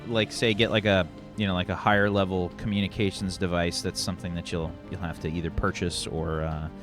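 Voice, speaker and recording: A man with a fairly low voice referees a tabletop game. He talks casually and haltingly, often searching for the next word. Faint music plays underneath. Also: a bit bright. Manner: hesitant, halting, searching for words. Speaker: game master.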